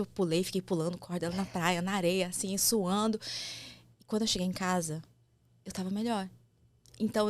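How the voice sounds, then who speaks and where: A woman's voice: on the low side, dry recording. Woman, Brazilian Portuguese accent, reflective, candid, casual chat, dry close sound. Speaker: guest, actress and mother. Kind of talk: casual conversation.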